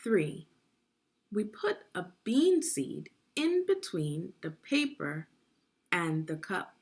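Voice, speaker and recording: A woman with a fairly low, slightly mellow voice takes her time, her pitch swinging widely as she narrates for children. She pronounces things carefully, teaches along the way, and asks the young listeners questions.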